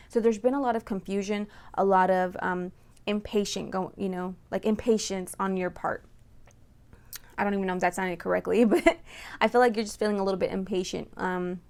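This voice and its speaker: A woman's voice: mid-range voice, creaky. A woman giving a casual, chatty tarot reading to viewers as host, speaking close to the microphone. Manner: informal, chatty, often checking in with "right?" and "you know". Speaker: tarot reader and channel host.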